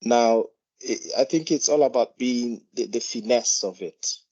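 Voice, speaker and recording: A man's voice: mid-range voice, measured pace, darkish tone, muffled recording. A man with a Nigerian accent contributing to an informal discussion as a doctor, hesitantly repeating words as he explains. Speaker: GP doctor, meeting participant.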